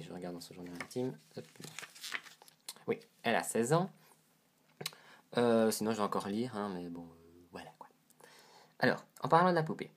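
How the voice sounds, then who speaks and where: Nursing a head cold and a stuffy nose, a man reviews a doll to camera, describing its details as he handles it. He comes across casual and hesitant, with a fairly low, husky voice.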